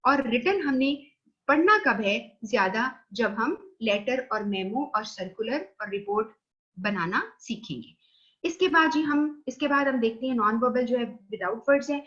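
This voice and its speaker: Lecturer, female, Pakistani accent, fairly high voice, teaching from slides in a lo-fi recording. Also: animated, measured pace, fairly bright tone. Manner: explains slide points, checks understanding with "theek hai"; mixes English terms into Urdu explanation.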